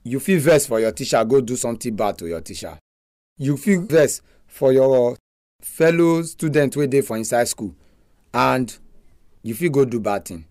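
A man's voice: medium pitch, expressive, moderate pace, a little mellow, dry recording, studio quality. A man with a Nigerian accent giving a religious radio talk in Nigerian Pidgin, repeating phrases for emphasis.

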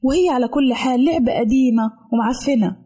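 A woman's voice: sits high, a little fast, warm tone, breathy edge. A woman voicing a quarrelsome young boy in a sulky, defiant way, with an Egyptian accent. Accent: Egyptian Arabic.

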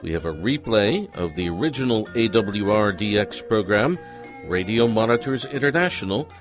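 A man hosts a radio programme from a script. His voice sits fairly low. Music runs clearly underneath him. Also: expressive, normal speed. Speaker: host.

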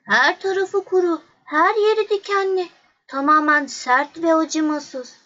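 Little prince boy, woman doing the voice, very high, polite, wistful, storybook, dull lo-fi sound. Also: a little slow, pushed and bright, heavily acted.

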